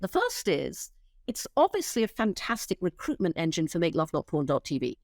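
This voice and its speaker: A middle-aged woman talks with a lively, swooping pitch, sounding emphatic and blunt as she makes her case. She swears freely and trips over restarts when she gets going. The sound is dry and close, with little room echo. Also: a little fast. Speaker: interview guest, company founder. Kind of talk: animated interview talk.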